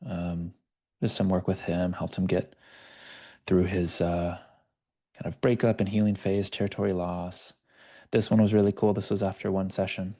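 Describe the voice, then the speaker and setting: Gravelly man coaching over a video call. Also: sits low, steady tone, normal speed, warm tone. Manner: conversational, storytelling. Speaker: life coach. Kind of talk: online workshop teaching.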